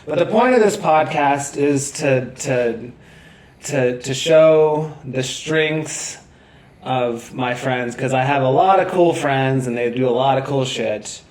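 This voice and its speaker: A man hosting a casual podcast, excited and halting, with lots of fillers and restarts. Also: medium pitch. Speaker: podcast host. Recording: echoey room.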